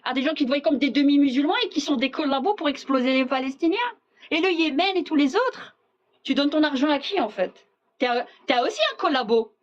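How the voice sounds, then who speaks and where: A woman's voice: sits high, fairly quick, lo-fi sound, slight background noise. Blunt, heated woman hosting a livestream. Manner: blunt, heated, sarcastic, mixes in Arabic phrases. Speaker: livestream host. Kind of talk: casual live chat.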